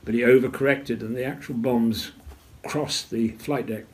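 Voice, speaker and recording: An older man recalls events at a measured storytelling pace in an interview, often clearing his throat. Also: mid-range voice, steady tone. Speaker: retired naval officer interviewee. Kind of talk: interview recollection.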